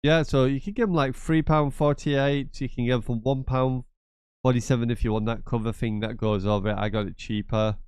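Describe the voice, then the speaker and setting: His medium-pitched voice is steady, brisk, a little mellow, clear, and resonant, captured as clean studio sound with no room sound. He is a gaming channel host with a cold, sounding blocked and nasal as he chats through a casual screen-share tutorial, repeating himself and wandering into asides.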